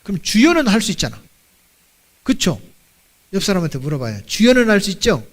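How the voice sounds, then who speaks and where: A middle-aged man preaching a sermon as pastor in a church, animated and leading the congregation in call-and-response. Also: sits high, brisk. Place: church sanctuary.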